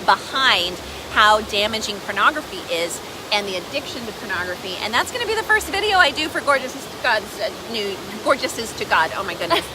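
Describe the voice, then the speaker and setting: A woman chatting casually with livestream viewers in an upbeat, joking, talkative way, as a co-host promoting things. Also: on the high side. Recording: noisy livestream with steady rushing hiss.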